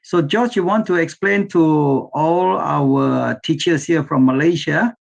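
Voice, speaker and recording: Guy hosting an online call, fairly high voice with lots of gravel, introduces a guest. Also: slow. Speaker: host. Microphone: video call.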